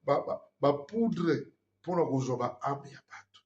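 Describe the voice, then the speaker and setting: A man's voice: a little high, expressive, unhurried. A man, hosting an earnest spiritual warning talk and mixing in French phrases. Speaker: host. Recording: dull lo-fi sound.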